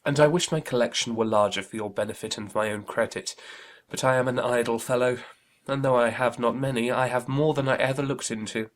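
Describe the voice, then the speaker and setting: A man playing an amiable, easygoing young gentleman in a dramatized audiobook, good-humoured and earnest. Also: medium pitch, fairly even intonation, brisk, lightly acted.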